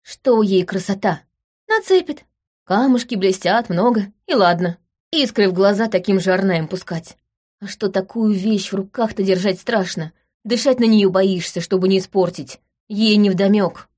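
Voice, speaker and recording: A woman's voice: mid-range voice, normal speed, darkish tone, close to an everyday voice. A woman reading an audiobook voices an agitated, stubborn young man close to tears. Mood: indignant. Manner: heated, stubborn, near tears.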